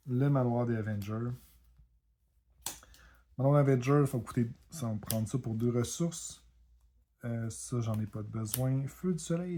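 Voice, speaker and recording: A man's voice: mid-range voice, warm tone, a little hiss or hum. Québécois man narrating a card game. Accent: Québécois French. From Quebec. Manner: self-deprecating, apologetic, laughs at his own mistakes. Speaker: board game video host. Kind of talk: casual commentary while playing a card game.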